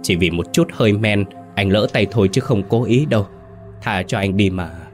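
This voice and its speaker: A panicked young killer wails and pleads, his voice jumping high, as a man acts him out. He sounds desperate and shaken. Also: moderate pace, soft background music, lightly acted. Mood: pleading. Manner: wailing, pleading. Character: terrified young male killer begging.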